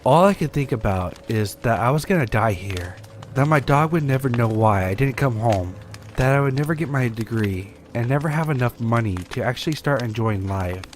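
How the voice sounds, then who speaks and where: Male horror-story narrator, mid-range voice, calm measured read. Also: mid-range voice, a little hiss or hum. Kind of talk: scripted first-person horror story narration.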